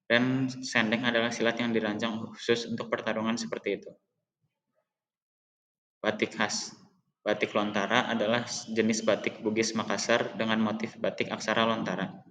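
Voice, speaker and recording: A man's voice: lowish voice, level tone, moderate pace, long pauses, a bit bright. A teenage boy reading a school presentation from his notes, with small slips and restarts along the way. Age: teens. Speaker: student presenter.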